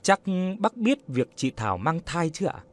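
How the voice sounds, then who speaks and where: A man voicing an earnest young woman in an audio story, asking in a soft, polite, coaxing way. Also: fairly high pitch, wildly swooping pitch, normal speed. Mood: gently probing.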